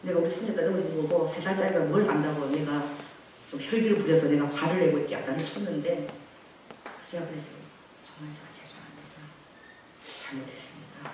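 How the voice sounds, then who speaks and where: Animated woman pastor in an echoey room. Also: low voice, a little hiss or hum. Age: 40s. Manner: animated storytelling, swinging between loud outbursts and soft asides. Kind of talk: sermon. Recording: echoey room heard from a distance.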